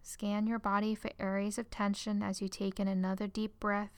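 A woman guiding a relaxation exercise in a calm, soothing way, her phrases trailing off into soft whispers. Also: mid-range voice, moderate pace, clear, resonant tone, no echo. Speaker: relaxation guide. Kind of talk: guided relaxation script.

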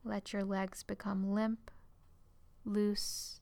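A woman guiding a relaxation exercise in a calm, soothing way, her phrases trailing off into soft whispers. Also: medium pitch, very slow, vocal fry, dry recording. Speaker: relaxation guide. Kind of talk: guided relaxation script.

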